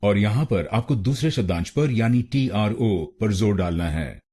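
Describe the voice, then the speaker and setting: A man narrating a pronunciation lesson in a slow, deliberate way, repeating each word and syllable. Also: on the low side, animated, warm tone, breathy edge. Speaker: pronunciation teacher. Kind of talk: scripted instructional narration.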